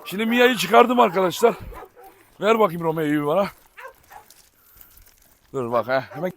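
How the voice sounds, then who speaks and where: A man vlogging outdoors as he handles his dogs, switching between affectionate baby talk and sudden shouts to keep them in line. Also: high-pitched, unhurried, slight background noise. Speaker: dog breeder and vlogger. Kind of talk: casual vlog narration while handling dogs. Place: outdoor yard with dog kennels.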